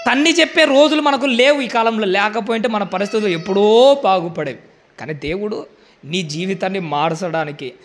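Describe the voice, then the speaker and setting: Preacher, male, very high voice, forceful sermon style with rhetorical questions. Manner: emphatic, asks the listeners rhetorical questions.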